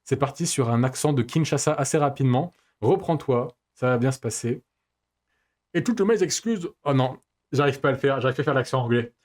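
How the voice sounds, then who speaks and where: A man's voice: mid-range voice, fairly even intonation, fast, a little mellow. A man streaming himself playing a game, commenting in a playful, joking way and laughing often. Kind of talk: let's play commentary.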